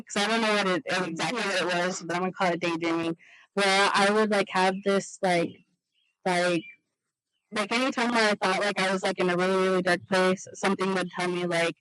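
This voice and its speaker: A woman's voice: medium pitch, fairly bright tone, dry recording, poor audio. Rambling woman podcast host, dry sound. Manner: halting, heavy use of "like" fillers. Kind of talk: casual podcast chat.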